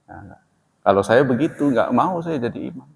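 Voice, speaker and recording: A man's voice: mid-range voice, expressive, moderate pace, vocal fry. A man giving a conversational sermon as a preacher, sometimes acting out dialogue in a raised voice. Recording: echoey hall.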